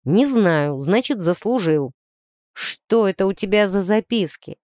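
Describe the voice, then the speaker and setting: A woman's voice: medium pitch, expressive, measured pace, darkish tone, no room sound, close to an everyday voice. A stern uncle with a strict, reproachful manner, read by a woman narrator in a storybook. The voice rises and falls a lot, and the recording is dry and close. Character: stern adult man, an uncle.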